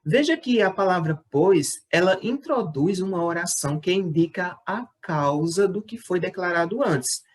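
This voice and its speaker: Teaching sixth graders in a recorded lesson, a man with an animated, high-sitting voice explains patiently. He regularly checks in with the class and slows down to read out his example sentences.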